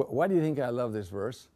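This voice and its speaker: Animated man teaching a scripture class. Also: mid-range voice, normal speed. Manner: animated, asks the class questions, repeats words when excited.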